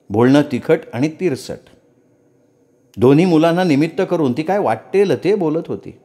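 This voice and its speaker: A man reading a story aloud in an expressive first-person narration. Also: mid-range voice.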